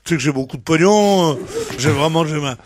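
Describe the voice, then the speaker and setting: An older man, a regular panelist on a radio talk show, tells an animated, colorful anecdote and acts out the lines of the people in it. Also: on the high side, brisk. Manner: colorful, boastful storytelling, acting out the others' lines. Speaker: regular panelist telling a story.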